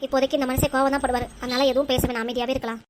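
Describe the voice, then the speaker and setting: Brief: a woman as a plotting, whiny cartoon mother, Tirunelveli Tamil accent, high and quick. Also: little pitch movement, very noisy, close to an everyday voice. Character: scheming middle-aged mother who fakes crying. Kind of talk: cartoon voice acting.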